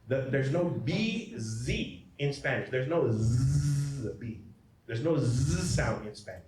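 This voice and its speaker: Man, priest, lecture, jokey asides, asks "okay?" a lot, higher voice, distant mic, echoey hall. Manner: jokey, digressive, checks in with "Okay?" and "right?". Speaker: priest giving a genealogy talk. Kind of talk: lecture presentation. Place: hall at a symposium. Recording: echoey hall, from far off, faint noise.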